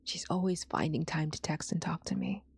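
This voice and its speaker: A woman's voice: low-pitched, wildly swooping pitch, normal speed, gravelly, husky, full character voice. A woman voicing a drunk, bitter, heartbroken young man who confesses in half-whispers while reading a story aloud. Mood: anguished.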